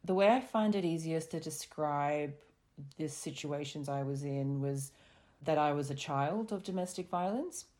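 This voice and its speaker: Podcast guest, female, voice disguised to sound deep and dark, reflective and measured, recorded remotely. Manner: reflective, measured, with small restarts. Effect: voice altered to sound deeper for anonymity. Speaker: guest sharing lived experience. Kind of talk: candid podcast conversation. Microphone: remote recording over a call.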